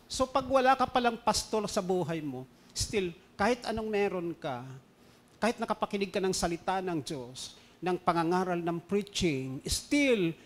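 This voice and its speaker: A pastor with a Filipino accent delivers a sermon in a high, light voice. He moves between loud, stressed phrases and quiet, hushed storytelling. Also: animated, moderate pace. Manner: mixes English into preaching, dynamic swings between loud emphasis and quiet storytelling.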